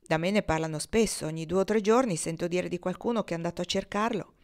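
A woman's voice: fairly low pitch, quick pace, a little mellow, lightly acted. A woman reading as a sensible saloon keeper. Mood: matter-of-fact.

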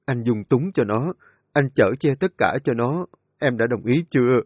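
A man's voice: medium pitch, animated, measured pace, a little mellow, dry recording, clean studio sound. A man voicing a grief-stricken young husband who pleads tearfully with his dying wife. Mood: tender pleading. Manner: sobbing, pleading, voice breaking.

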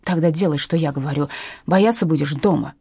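A woman voicing a sharp, bossy female detective writer who gives terse, hushed commands. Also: low-pitched, brisk, breathy edge, no room sound, studio quality. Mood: curt, bossy.

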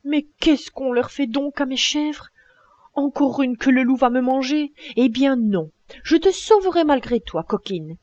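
A woman's voice: sits high, expressive, measured pace, darkish tone, no echo, dull audio. A woman playing an older male farmer who is worried about his goat and scolds it anxiously.

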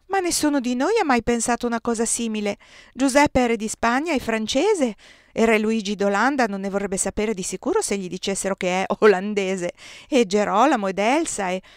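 A woman reading aloud, voicing a chatty, excitable young queen in high, animated tones. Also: dry recording, studio quality, close to an everyday voice. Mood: excited chatter. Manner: quick, animated, raised.

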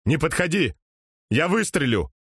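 A man reading an audiobook voices a desperate, grieving giant of a man who shouts in a trembling voice. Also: mid-range voice, lively intonation, a little slow, no room sound, studio quality, voice pushed up, lightly acted. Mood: threatening.

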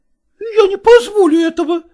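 A woman's voice: extremely high pitch, moderate pace, dark tone, voice pushed up. A woman reading a story aloud, voicing a petulant, insistent unmarried elder daughter. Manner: whiny, insistent.

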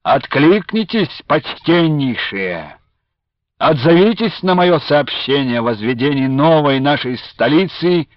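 A man's voice: a little high, no echo, voice pushed up. A man reading aloud and voicing a stern, imperious Cossack ataman who gives curt commands, in a dull lo-fi radio recording.

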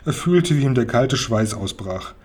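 A man reading a children's book aloud as narrator, in a lively storytelling manner. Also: mid-range voice, measured pace.

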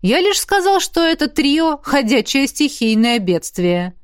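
A woman voicing a calm male dragon in an audiobook, speaking in a wry, conciliatory way. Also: sits high, a little slow, dry recording, clean studio sound, pitched above the performer's own voice.

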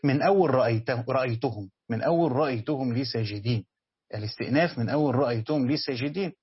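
A man's voice: mid-range voice, quick pace, slightly rough, dull audio. A man with an Egyptian accent teaching Quran commentary in a classroom lecture, repeating key phrases and putting questions to his students. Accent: Egyptian Arabic.

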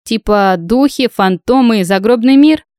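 A woman reading an audiobook, voicing a brash, teasing young female friend who talks loud and breezy. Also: fairly high pitch, moderate pace, smooth, no room sound, studio quality, voice pushed up, natural voice.

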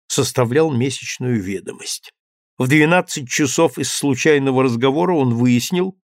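A man's voice: mid-range voice, no room sound. Man narrating a novel, dry close sound. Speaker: audiobook narrator. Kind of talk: scripted dramatic narration of a novel.

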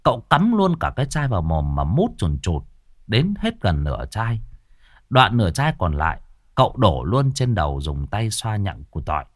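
A man narrating a ghost story in an earthy, colloquial, expressive way. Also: on the low side, normal speed, no room sound, studio quality.

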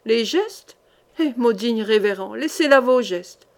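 A jovial old king calls out in loud, gleeful exclamations in a storybook reading, voiced by a woman reader. The voice sits fairly high. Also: lively intonation, measured pace. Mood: delighted. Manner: exclaiming, laughing loudly.

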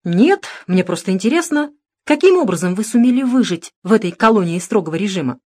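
A woman's voice: medium pitch, animated, a little fast, a little mellow, no room sound, pitched above the performer's own voice, natural voice. A woman voicing a cool, mocking male private detective in an audiobook, speaking sternly. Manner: stern, needling. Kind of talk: audiobook narration.

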